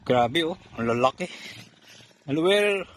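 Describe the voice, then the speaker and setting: A man promoting a fertilizer while walking through an onion field, excited and out of breath, talking to farmers watching. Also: a little high, slow. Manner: excited, keeps pointing out crop size.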